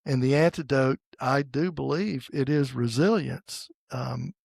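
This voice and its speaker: A man in his sixties from the United States, hosting a podcast in a casual faith conversation and pausing often with fillers and restarts. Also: medium pitch, creaky, darkish tone, breathy edge, no echo, studio quality. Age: 60s. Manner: halting, with many fillers and restarts. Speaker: podcast host.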